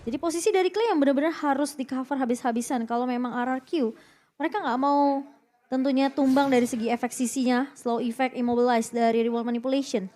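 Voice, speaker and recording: A woman's voice: high voice, fairly even intonation, fairly quick, dark tone. A woman with an Indonesian accent giving live analysis as co-caster of an esports match. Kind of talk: live game analysis commentary.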